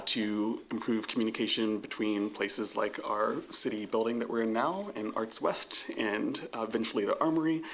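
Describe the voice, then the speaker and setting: A man speaking as a councilmember at a council meeting, reading ordinances aloud slowly and with filler uhs. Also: on the low side, fairly bright tone, a little hiss or hum. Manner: slow and measured, with filler uhs. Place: city council chamber.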